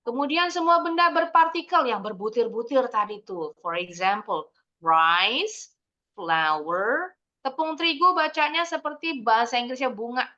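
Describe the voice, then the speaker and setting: Young woman, Indonesian accent, kids' English teacher, high bright voice, sing-song, lo-fi call audio. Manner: lively, sing-song explaining with quick questions to children. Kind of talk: online kids' English lesson. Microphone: video call. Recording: dull lo-fi video call audio.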